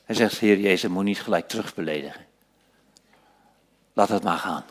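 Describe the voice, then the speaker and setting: A man preaching a sermon, dropping to hushed whispers and rising to loud, emphatic passages, slowing down to stress key phrases. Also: low-pitched. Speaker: pastor.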